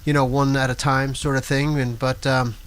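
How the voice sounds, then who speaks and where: A man's voice: medium pitch, little pitch movement, moderate pace, smooth. A man from a rock band telling stories in a casual interview, repeating words as he goes and chuckling. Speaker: band member.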